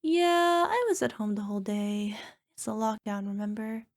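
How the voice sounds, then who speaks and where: In an ASMR roleplay, a voice actress plays a small cyclops monster girlfriend who wheedles and offers cutesy, defensive excuses, sounding sheepish and evasive. Her mid-range voice is expressive and lightly acted, at a moderate pace.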